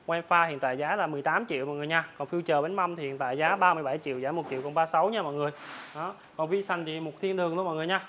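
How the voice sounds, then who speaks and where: A young man with a southern Vietnamese accent giving an informal, repetitive hard-sell pitch as a motorbike salesman, reeling off prices for buyers. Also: steady tone, rapid-fire, a bit bright. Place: large open-sided motorbike warehouse. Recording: clear ambient noise of open warehouse.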